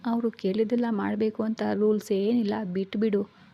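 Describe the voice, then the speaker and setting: A woman voicing a teasing, protective young man, the twin brother in a read-aloud story, in a breathy voice. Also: mid-range voice, little pitch movement, normal speed, warm tone, lo-fi sound. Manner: playful, teasing, bossy. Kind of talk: storybook reading.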